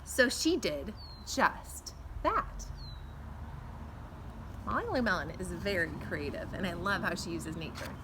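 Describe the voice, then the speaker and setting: A middle-aged American woman reads a children's picture book outdoors on a backyard patio in a fairly low, sing-song voice, a little slowly. Like a teacher with her pupils, she draws out words and adds asides for the kids. Faint outdoor noise is picked up by a camera a few feet away.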